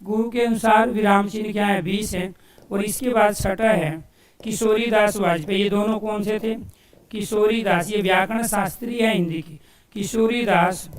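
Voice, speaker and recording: A male coaching teacher giving a Hindi grammar lesson for exam students, asking questions and answering them himself and repeating key phrases slowly as if dictating. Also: sits high, roomy sound, recorded from a distance. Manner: addresses listeners as dear friends.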